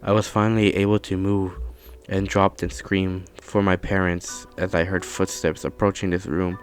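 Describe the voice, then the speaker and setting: Low flat-voiced male horror narrator. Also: moderate pace, smooth, soft background music.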